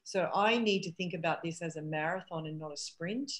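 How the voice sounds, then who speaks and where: A woman's voice: fairly low pitch, brisk, fairly bright tone. A middle-aged woman, a treatment center owner, talking candidly and reflectively on a video call. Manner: candid and reflective, with frequent restarts and "um"s. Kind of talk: casual video call conversation.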